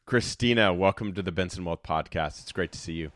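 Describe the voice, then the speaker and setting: Deep-voiced man hosting a podcast. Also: fairly quick, fairly bright tone, dry recording. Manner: upbeat, laughs easily. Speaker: podcast host. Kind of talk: podcast interview.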